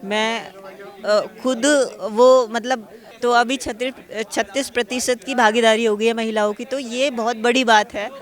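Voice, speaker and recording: A young woman athlete from Uttar Pradesh, talking excitedly and earnestly in an on-the-spot news interview at an outdoor awards event. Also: fairly high pitch. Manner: excited, talks fast and earnestly.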